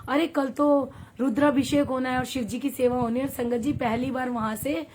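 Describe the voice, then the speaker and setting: A woman from Haryana hosts a devotional satsang, her voice sitting a little high as she chats easily with her viewers. She moves between a story and their comments, laughing often. There is a faint hiss under her voice from the phone stream. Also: fairly even intonation, normal speed. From Haryana, India. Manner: chatty, warm, laughs often, reads viewer comments aloud. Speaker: satsang leader on a livestream. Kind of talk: devotional storytelling and live chat.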